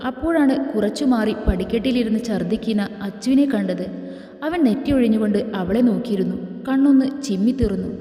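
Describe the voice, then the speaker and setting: A woman storyteller reading a romance story aloud in a steady, expressive way. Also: medium pitch, brisk. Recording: echoey room with long reverb.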